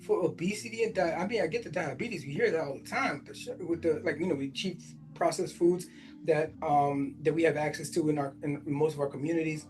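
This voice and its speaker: A man's voice: a little high, fairly quick, darkish tone, faint music behind. A man in his forties hosting a podcast, reading a news article aloud and stopping often to react in casual asides full of fillers. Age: 40s. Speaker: podcast host.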